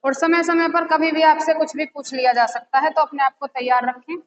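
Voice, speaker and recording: High-voiced woman teacher, echoey room. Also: flat delivery. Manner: asks the class questions and answers them herself; repeats key words slowly. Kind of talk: classroom lesson. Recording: echoey, slightly dull audio with faint noise.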